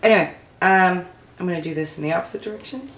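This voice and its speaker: Low-voiced woman rambling through a craft demo. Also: quick pace. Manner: rambling, chatty, thinking aloud. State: low early-morning voice. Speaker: mixed-media craft tutorial host. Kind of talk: casual craft tutorial, talking while working. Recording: echoey room, faint background noise.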